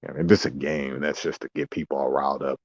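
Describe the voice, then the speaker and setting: In a casual, meandering monologue, a male vlogger wanders between asides and mocking imitations of quoted voices. He has a bass voice with little pitch movement and talks fast. The sound is dry, dull and lo-fi, with no echo.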